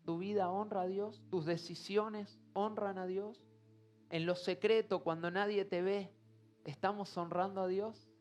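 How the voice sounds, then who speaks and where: Expressive Argentine preacher, fairly high voice. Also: male voice, measured pace, muffled recording. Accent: Argentine Spanish. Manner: expressive, acts out everyday voices. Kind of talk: live church sermon. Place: church service.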